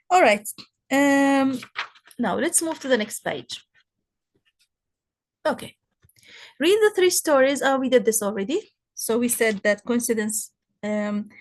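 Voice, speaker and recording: A woman teaches an English vocabulary lesson. She explains patiently at an unhurried pace and keeps asking her students rhetorical questions. Her voice sits a little high. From Palestine. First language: Arabic. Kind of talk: recorded classroom lesson.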